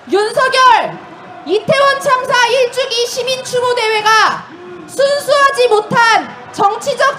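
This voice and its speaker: A woman leading a street march in call-and-response chanting, shouting slogans and urging the crowd to answer. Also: extremely high pitch. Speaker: rally chant leader. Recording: loud outdoor crowd and street noise.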